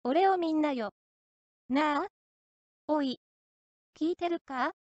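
A woman voicing a creepy, unsettling man who talks to himself, rough and menacing in tone. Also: high-pitched, slow pace, darkish tone, no echo, muffled recording. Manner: rough, menacing, then suddenly polite.

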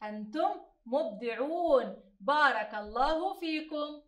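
A woman teacher giving a slow phonics lesson to young pupils, stretching out each sound and praising them often. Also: high voice, expressive, fairly bright tone, recorded from a distance. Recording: echoey room, voice a bit off-mic.

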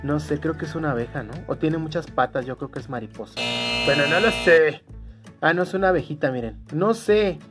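A man's voice: on the high side, fairly quick. A man hosting a casual toy unboxing for viewers. He bursts into delighted exclamations and is fond of cute diminutives. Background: background music.

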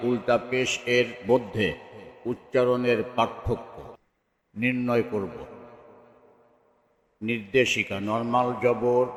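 A man teaching Quran reading, reciting vowel and letter sounds in a drawn-out sing-song drill. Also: medium pitch, fairly bright tone. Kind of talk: slow chanted recitation drill. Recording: echoey room with long reverb.

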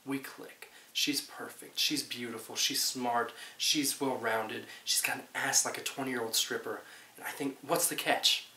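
A man acting a bitter framed guy, young, American, dramatic monologue, forceful edgy voice, defensive, echoey room. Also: medium pitch, steady tone. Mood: exasperated, wry. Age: 20s. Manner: defensive, emphatic, swearing, halting. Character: bitter, aggrieved man who says he was framed. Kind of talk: dramatic monologue, naturalistic audition-style acting. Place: small plain indoor room. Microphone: camera mic a few feet away. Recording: roomy home recording with hiss.

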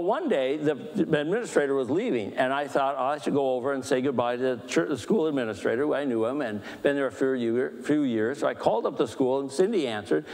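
Jovial pastor in an echoey church hall. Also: male voice, a little high. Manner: animated, jokey, asks the group questions. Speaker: pastor leading a book discussion. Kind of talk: casual storytelling talk. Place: church meeting room.

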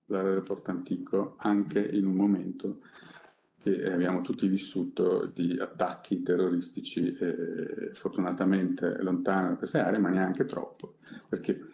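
A middle-aged man presenting a project on a panel, speaking off the cuff in a halting, conversational way with frequent pauses. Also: low voice, little pitch movement, creaky, warm tone, slight background noise. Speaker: company innovation director presenting a project. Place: conference room seated at a panel table. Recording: echoey conference room.

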